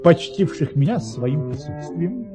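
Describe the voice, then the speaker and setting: Courtly, fanciful tall-tale baron for radio drama: high, swooping, theatrical storytelling. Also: male voice, expressive, music in the background. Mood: genial, boastful. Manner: theatrical, hesitant little pauses, airy storytelling. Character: whimsical, courteous baron spinning tall tales in earnest.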